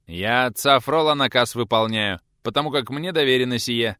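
A man voicing a brash, self-important young church servant who shouts his orders. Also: high voice, very animated, normal speed, dry recording, clean studio sound, pitched above the performer's own voice, heavily acted. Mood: shrill insistent.

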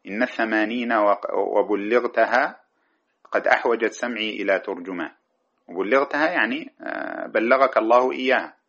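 A man's voice: on the low side, a bit bright. A man teaching a classical grammar text as a lecture, explaining it line by line, chanting the verses he cites and correcting himself as he goes. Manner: explains verse by verse, chanting cited poetry lines; corrects himself mid-sentence. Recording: dull lo-fi recording.

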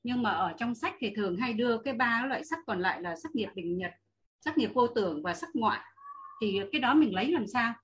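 A woman's voice: on the high side, expressive, a little fast. A woman student on a video call asking careful questions in an online class.

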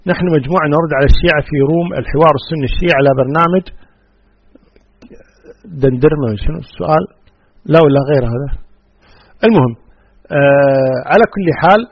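Fast-talking husky sheikh. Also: male voice, on the high side, dry recording, highs cut off. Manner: reads out questions, then answers in a firm, plain way. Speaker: Islamic scholar answering questions. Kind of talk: religious question-and-answer session.

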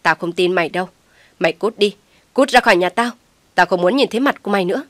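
A woman voicing a furious older mother-in-law who shouts and scolds harshly. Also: medium pitch, animated, moderate pace, dry recording, close to an everyday voice. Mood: scornful shouting.

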